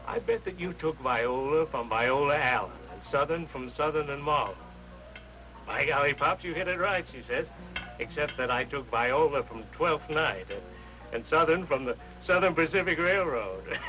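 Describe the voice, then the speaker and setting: A gruff, plain-spoken old doorman in a 1950s TV drama. His voice is bright and forceful, sitting a little high. The sound is dull and lo-fi, with music under it. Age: older. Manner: folksy, blunt working-class talk. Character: gruff old male doorman of a rehearsal hall.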